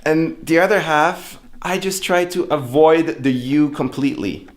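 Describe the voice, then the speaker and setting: A young man, a native French speaker whose English carries an American-influenced French accent, gives an informal opinion talk in a casual chat, musing and self-deprecating. His voice is fairly high and his pace measured.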